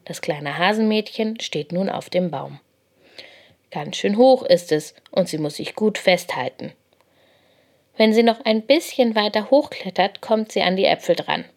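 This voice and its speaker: Frau liest ne kindergeschichte vor, sanft und lebendig, stimme geht schön rauf und runter. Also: female voice, medium pitch, unhurried. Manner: gentle, expressive. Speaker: storyteller. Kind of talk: children's story reading.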